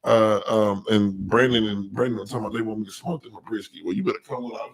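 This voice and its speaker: A man hosting a casual talk show, telling animated stories in an easygoing chat. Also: fairly low pitch. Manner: animated storytelling, drawn-out complaints. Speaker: podcast host.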